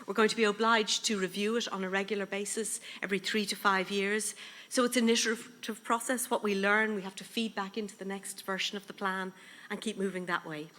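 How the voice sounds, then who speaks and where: A woman giving a measured conference presentation as a heritage official. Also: medium pitch, fairly bright tone. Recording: hall reverb.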